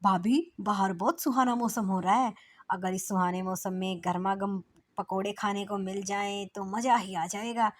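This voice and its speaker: A woman's voice: medium pitch, steady tone, moderate pace, no room sound, lightly acted. A woman voicing a friendly young brother-in-law coaxing for snacks.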